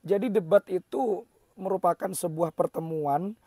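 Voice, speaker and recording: Hoarse-ish guy hosting a politics explainer, kinda high voice but mellow, lots of "eh" pauses. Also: dry recording. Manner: measured, with frequent "eh" fillers while explaining. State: slightly hoarse. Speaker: host.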